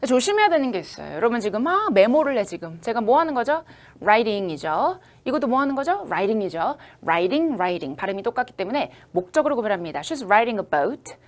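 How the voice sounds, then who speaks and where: Lively woman teaching English listening. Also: a little high, normal speed. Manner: lively, demonstrative, acts out examples. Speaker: TOEIC listening instructor. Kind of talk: online lecture.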